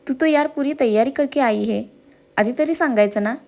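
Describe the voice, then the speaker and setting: A woman's voice: high-pitched, normal speed, a little mellow, pitched above the performer's own voice. Teasing young groom, voiced by a woman storyteller, playful and jokey, storybook reading.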